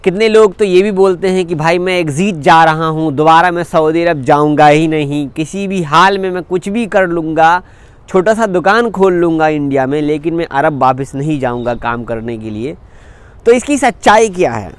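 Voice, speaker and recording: A man's voice: on the high side, normal speed, clean tone, no room sound. A young man from India talking straight to camera in a vlog, giving earnest, repetitive advice to his viewers. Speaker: vlogger. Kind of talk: direct-to-camera vlog talk.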